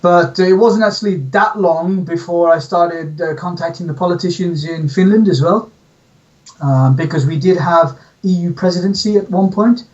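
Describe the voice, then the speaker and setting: A man from the UK, telling his story as an interview guest in a relaxed way. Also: sits high, moderate pace, recorded from a distance, dull audio. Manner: relaxed storytelling, says "yeah?". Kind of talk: casual interview.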